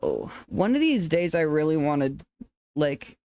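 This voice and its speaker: A streamer with an androgynous to femme-sounding voice, chatting casually with viewers in a rambling, relaxed way. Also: mid-range voice, a little slow, no echo. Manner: relaxed, rambling, laughs often, restarts sentences.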